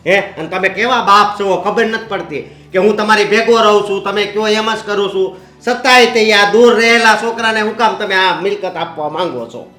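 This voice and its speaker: A man playing a grasping, stubborn son in a family film drama, arguing and insisting on his claim as heir. His voice sits high for a man and rings in an echoey room with soft music underneath. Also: normal speed. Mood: insistent. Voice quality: insistent, nagging, demanding. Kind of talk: Gujarati short film acting.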